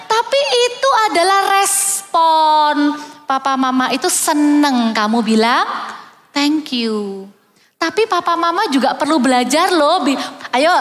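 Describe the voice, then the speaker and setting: Pendeta wanita ceria bersuara tinggi di aula bergema. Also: female voice, sits high, a bit bright. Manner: playful, acts out quotes of parents and kids, mixes English phrases. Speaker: pastor. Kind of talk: animated sermon to parents and children. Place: large church hall. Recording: reverberant hall, faint music.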